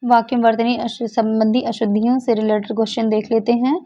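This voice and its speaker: A woman teaching an exam-prep lesson, posing each question and then answering it herself. Her voice sits a little high but sounds mellow and soft-edged. The recording is dull and lo-fi. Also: little pitch movement, a little fast. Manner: explanatory, asks and answers own questions.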